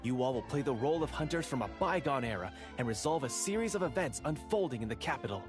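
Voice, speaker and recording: A man's voice: mid-range voice, animated, quick pace, natural voice. A man voicing a friendly male script manager in a video game, polite and welcoming with a theatrical touch. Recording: game audio with music behind.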